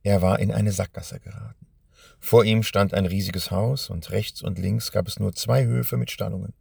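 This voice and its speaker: A male storyteller with a low, gravelly and husky voice reading a storybook in a measured, even manner. He sits close to a dry mic with no room sound. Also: no room sound. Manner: measured, addresses young listeners directly. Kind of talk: scripted storybook narration.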